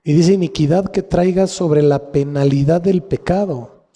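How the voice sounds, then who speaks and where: In a church hall, a pastor with a Mexican Spanish accent preaches a sermon, posing rhetorical questions to the congregation. His voice is a little high and dark-toned, his pace measured, and long hall reverb fills the recording.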